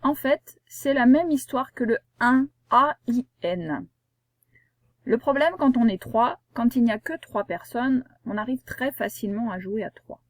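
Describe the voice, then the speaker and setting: A woman teacher giving a reading lesson to young children, patient and slow, spelling out sounds one by one. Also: a little high, lively intonation, dry recording, clean studio sound. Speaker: primary school teacher.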